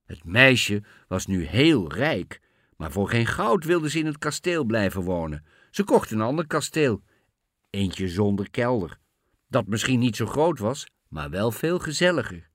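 Male storyteller, fairy-tale reading, animated and bright, dry sound. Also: on the low side, measured pace, dry recording. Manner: lively, expressive storytelling.

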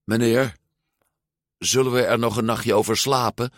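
A man's voice: mid-range voice, steady tone, a little slow, a bit bright, dry recording, studio quality, voice pushed up. A man reading a storybook aloud, voicing a timid, anxious teenage sea-monster boy who hesitates and apologizes.

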